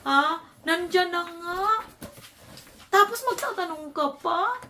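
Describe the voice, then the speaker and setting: Filipina woman vlogging, high voice, emphatic and lively, mic a bit far off. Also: slow, background noise. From Philippines. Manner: animated, emphatic, laughs often while telling. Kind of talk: casual storytelling.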